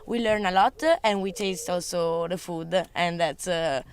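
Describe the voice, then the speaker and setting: A woman's voice: on the low side, a little slow, very noisy. A young woman from Italy, a youth exchange participant, talking hesitantly with many fillers. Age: young adult.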